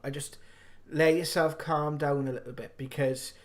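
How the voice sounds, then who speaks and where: A man with a South Wales accent co-hosting a live stream in casual chat, halting at times and repeating phrases for emphasis. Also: on the high side, steady tone.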